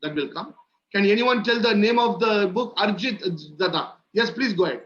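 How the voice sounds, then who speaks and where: Male session leader, Indian accent, high voice, encouraging and repetitive, on a muffled call. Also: lively intonation, moderate pace, fairly bright tone. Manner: encouraging, repeats phrases. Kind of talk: interactive online teaching. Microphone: video call. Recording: muffled online call audio, faint noise.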